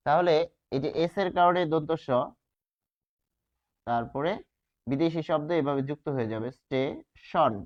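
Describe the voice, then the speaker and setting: A man teaching a grammar lesson, posing rhetorical questions and answering them, stretching key words slowly. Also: on the high side, a little mellow. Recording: dull lo-fi sound.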